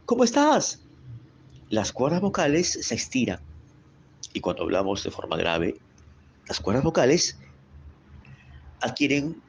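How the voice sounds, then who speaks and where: A man teaching a lesson on the speaking voice, slow and deliberate, repeating key phrases and asking the listener to say them after him. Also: medium pitch, slightly rough.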